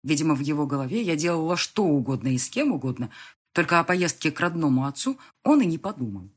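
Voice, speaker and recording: A woman reading a first-person audiobook with an expressive, emotional delivery and a husky voice. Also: low-pitched, fast talker. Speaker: audiobook narrator.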